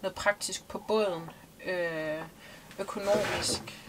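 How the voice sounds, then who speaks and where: Woman in her thirties, from Denmark, fairly low voice, hesitant and thoughtful, faint hiss behind. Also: steady tone. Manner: thoughtful, many hesitations and fillers. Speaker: interviewee, liveaboard sailor. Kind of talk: casual interview. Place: small boat cabin, indoors.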